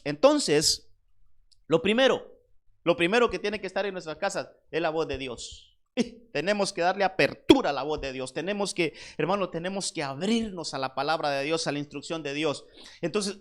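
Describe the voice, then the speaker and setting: A man preaching a sermon as pastor, emphatic, repeating words and often calling the listeners "brother". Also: high voice. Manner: emphatic, slows down on key points.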